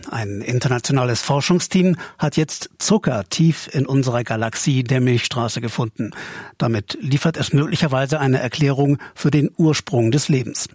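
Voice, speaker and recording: A male radio news presenter reading his script calmly and evenly. His voice is a little husky, at an ordinary pitch for a man. The studio sound is dry and close. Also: dry recording.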